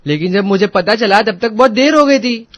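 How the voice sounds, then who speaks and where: A man playing a young husband, cartoon, stern, impatient, high-pitched. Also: moderate pace, natural voice. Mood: angry. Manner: stern, lecturing.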